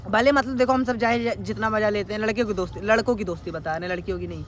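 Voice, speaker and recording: A man's voice: high-pitched, very fast, fairly bright tone, slight background noise. A teenage boy chatting crudely in an unfiltered vlog, talking outdoors at night into a phone camera. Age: teens. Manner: crude, slangy, rambling banter. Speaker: vlogger. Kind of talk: casual unfiltered vlog chat.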